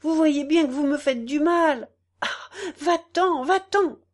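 A woman's voice: high voice, slow pace, pitched above the performer's own voice. A woman voicing an anguished young husband whose voice trembles as he pleads in a read-aloud story. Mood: desperate pleading.

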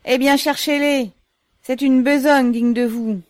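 A woman voicing a defiant young male factory worker who mocks a guard, shouting. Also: sits high, steady tone, a little slow, no room sound, clean studio sound, voice pushed up. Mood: mocking. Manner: shouting, mocking.

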